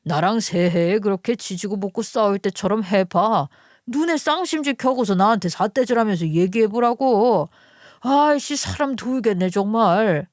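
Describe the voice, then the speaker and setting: A woman's voice: mid-range voice, animated, normal speed, darkish tone, no room sound, clean studio sound, close to an everyday voice. A woman voicing an impatient grown-up husband who taunts his wife in a dramatized story reading. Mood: irritated taunting. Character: irritated husband, a grown man, mocking.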